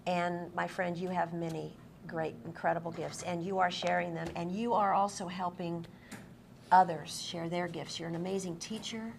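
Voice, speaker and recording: A woman with a lowish voice, steady in tone and speaking at normal speed, conducts an on-stage interview at a crowded convention room. She praises and affirms her guest effusively and at times reads book passages aloud, all captured in a noticeably noisy live recording.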